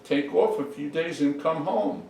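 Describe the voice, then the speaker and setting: Guy doing a loud bossy mad scientist, kinda high, roomy echo. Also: sing-song, measured pace. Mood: calm. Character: eager mad male scientist Frankenstein. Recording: echoey room from far off.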